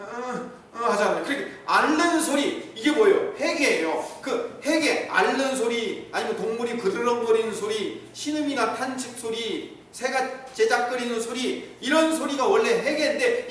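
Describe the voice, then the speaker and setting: High-voiced pastor in an echoey church. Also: male voice, fairly bright tone, slight background noise. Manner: teaching, asks the congregation questions. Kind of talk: sermon. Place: church sanctuary. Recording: echoey hall, mic from far off.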